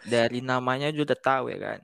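A man appearing as a guest on a casual podcast, talking about his online writing in a relaxed, easygoing way. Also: medium pitch, fast talker, creaky, a little hiss or hum. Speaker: podcast guest, content creator.

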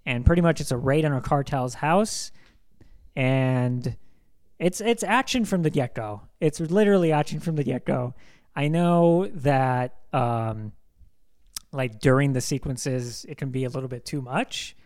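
Unhurried and a little mellow, a medium-pitched young man co-hosts a laid-back podcast about films. He talks eagerly and wanders from point to point, leaning heavily on the word "like."

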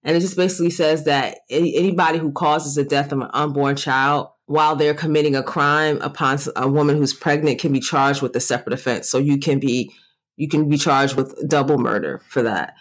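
A woman's voice: low-pitched, steady tone, brisk. A woman hosting a true crime podcast, talking casually with fillers and asides. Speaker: podcast host.

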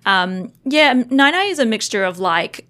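A young adult woman from Australia and New Zealand, a writer-director chatting as a podcast guest in animated storytelling fashion. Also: a little high, unhurried. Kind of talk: casual podcast chat.

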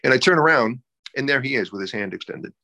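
A man's voice: mid-range voice, expressive, fast, pushed and bright. A man, an actor guest, telling stories in casual chat, repeating words as he searches for them.

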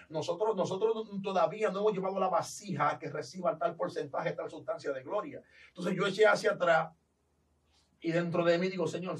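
A man's voice: fairly high pitch, far from the mic, low-quality recording. A man with a Dominican accent, a pastor animatedly telling his testimony and acting out the voices in it. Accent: Dominican Spanish. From Dominican Republic. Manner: animated, acts out quoted voices. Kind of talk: testimony storytelling.

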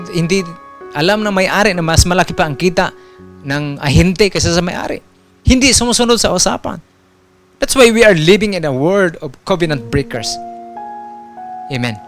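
A man's voice: on the high side, a bit bright. A male pastor preaching a sermon with rising emphasis, mixing in English phrases.

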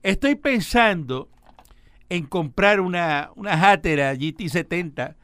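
A man's voice: sits high, animated, unhurried, fairly bright tone, a little hiss or hum. A Puerto Rican man hosting a radio show, questioning in a mock-serious, boastful way. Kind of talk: comedic radio banter.

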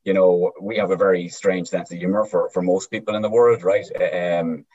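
Irish midlands male storyteller, husky and lowish, repeats himself as he chats, muffled lo-fi sound. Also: steady tone, moderate pace, darkish tone. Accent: Irish midlands, County Cavan. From County Cavan, Ireland. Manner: hesitant, repeats words, often tags with "right?". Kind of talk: conversational storytelling. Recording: dull lo-fi sound.

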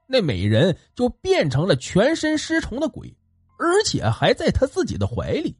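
A male storyteller with a high, very lively voice and a husky grain, narrating a ghost story in a colloquial, animated way. The recording is dry and close, with faint music underneath. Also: no room sound.

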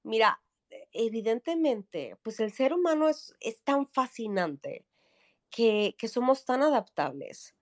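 A woman's voice: a little high, sing-song, slow pace. A woman, a guest on a casual podcast, chatting and thinking aloud with fillers and restarts. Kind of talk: casual conversation.

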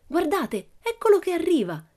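A woman reading an audiobook and voicing a boastful, exuberant nine-year-old girl with loud, playful exclamations. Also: on the low side, animated, fairly quick. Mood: excited. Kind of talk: audiobook character voice.

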